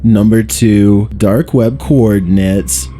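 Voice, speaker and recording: A man with a very mellow, dark, lowish voice reads scripted countdown narration. He tells the stories in a measured way and drops eerie rhetorical questions. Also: a little hiss or hum. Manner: measured storytelling with spooky questions. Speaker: narrator of a paranormal countdown video.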